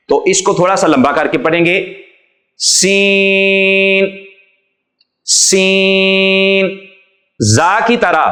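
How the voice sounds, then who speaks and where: A man's voice: a little high, a bit bright, reverberant. Patient man teaching letter sounds. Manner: patient, explains each letter then draws it out slowly. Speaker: Quran reading teacher. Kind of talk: children's recitation lesson.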